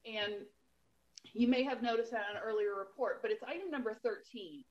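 A woman on a city council giving steady, explanatory remarks at a meeting, pointed about bureaucracy. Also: a little high, a little fast, highs cut off.

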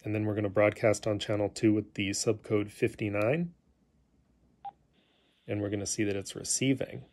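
In a living room, a hobbyist walks through a gadget in a casual, unscripted tutorial, his explanations hesitant and rambling. His voice sits on the low side with a steady tone and a slightly mellow quality, delivered at a normal speed. A faint hiss or hum runs under the recording.

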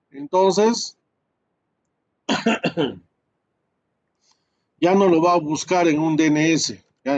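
Guy teaching a network lab, kinda high voice, muffled mic, lots of "¿no?" and "este". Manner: explains step by step, many fillers and tag questions. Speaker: networking instructor. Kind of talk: live screen-share class.

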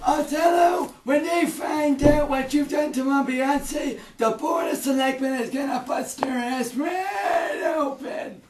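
Dude doing a cranky senator dad, shouty and high, echoey room, mic way off. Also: male voice, expressive, measured pace, pauses often, recorded from a distance, crowd noise, noisy background. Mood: furious. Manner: shouts angrily. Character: blustering senator father, short-tempered. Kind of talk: amateur comedy skit acting.

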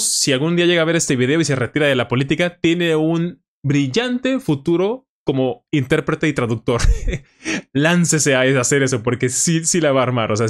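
Mexican guy hyped up reacting to a video, kinda higher voice, talks fast and animated. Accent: Mexican Spanish. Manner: animated, enthusiastic, frequent fillers. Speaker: YouTuber analyzing English. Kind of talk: casual reaction commentary.

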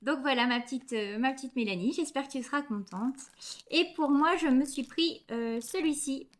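A woman's voice: high voice, normal speed. A young woman hosting a knitting podcast, chatting casually and enthusiastically with many fillers as she shows her purchases. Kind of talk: casual show-and-tell chat.

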